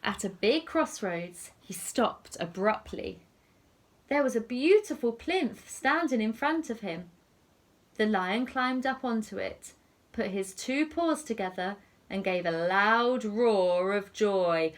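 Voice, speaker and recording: This is a woman teacher with a mid-range voice sharing a picture book with little children. Her delivery is that of a storyteller, expressive and deliberate.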